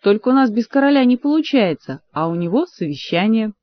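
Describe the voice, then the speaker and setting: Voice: mid-range voice, sing-song, fairly quick, dry recording, lightly acted. An awkward young man fumbles through his explanation, as an audiobook reader puts him on. The audio is dry and a little dull. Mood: unsure.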